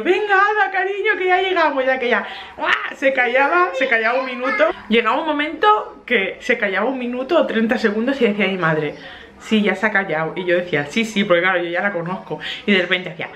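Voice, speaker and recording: A young woman from Spain with a Spanish accent, a mother telling a lively anecdote in a casual vlog, laughing as she talks. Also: a little high, a little hiss or hum. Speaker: vlogger mother of two. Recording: roomy echo.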